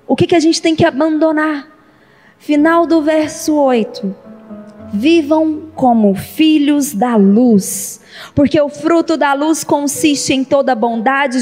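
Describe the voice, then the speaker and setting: Woman bishop, emphatic sermon, high voice, unhurried, long church reverb, faint music behind. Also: darkish tone. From Brazil. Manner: emphatic, asks the congregation questions. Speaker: bishop preaching. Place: large church hall.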